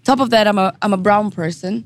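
A woman's voice: mid-range voice, fast talker. A woman, a singer talking casually as an interview guest, with many fillers and restarts. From Switzerland. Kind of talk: casual chat.

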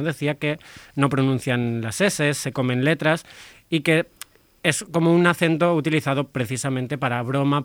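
A man's voice: fairly high pitch, no echo. Chatty man with dry close sound. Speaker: radio segment presenter. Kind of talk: casual radio chat.

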